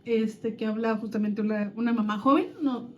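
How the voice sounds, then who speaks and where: A woman's voice: on the high side, fairly even intonation, normal speed, a little hiss or hum. A woman co-hosting a casual chat, reading children's quotes aloud and reflecting on them, thinking aloud with many restarts. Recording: dull lo-fi sound.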